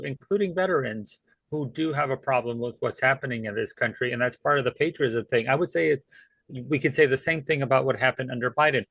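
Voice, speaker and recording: A man's voice: mid-range voice, gravelly, fairly bright tone, dry recording, low-quality recording. Man speaking on a dry close mic. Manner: thoughtful, many fillers. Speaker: panel guest. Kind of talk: casual panel discussion.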